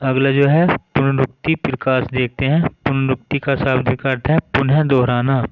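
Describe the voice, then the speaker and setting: A man's voice: mid-range voice, level tone, normal speed, muffled recording. A man teaching a Hindi grammar lesson, explaining each term step by step and reading verse examples.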